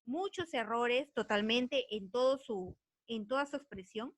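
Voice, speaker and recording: A woman's voice: fairly high pitch, a little slow, no room sound. A woman teaching a recorded grammar lesson, earnest and patient, often checking in with her students. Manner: earnest, explains patiently, checks understanding with frequent tag questions. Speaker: language teacher.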